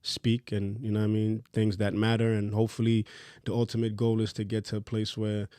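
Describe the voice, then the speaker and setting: A man in his thirties from Trinidad, a fashion designer telling his story in a relaxed, candid, slangy podcast chat. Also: on the low side, brisk, no room sound, clean studio sound. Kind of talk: casual interview chat.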